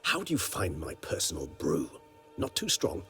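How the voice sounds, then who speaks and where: A man's voice: extremely low pitch, wildly swooping pitch, normal speed, creaky, sharp tone, heavily acted. An actor playing a refined, ancient male vampire who speaks in dry, ornate, lightly sarcastic phrases, in video game dialogue. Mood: genteel. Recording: game audio with music underneath.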